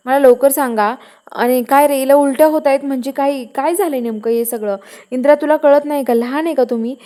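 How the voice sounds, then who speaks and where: A woman voicing a furious scolding mother, high and mellow. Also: steady tone, fairly quick, natural voice. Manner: shouting, accusing questions. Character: angry scolding middle-aged mother. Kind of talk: retold serial dialogue.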